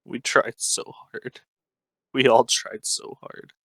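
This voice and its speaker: A man playing a weary, grieving field agent in a quiet, raspy voice, halting and downcast. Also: dry recording. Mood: bitter grief.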